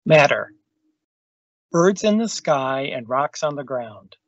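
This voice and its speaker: Over a video call, a man reads a children's science book aloud as a storytime reader. His mid-range voice swings widely in pitch and he takes his time. The video call mic gives dull, lo-fi audio with no echo.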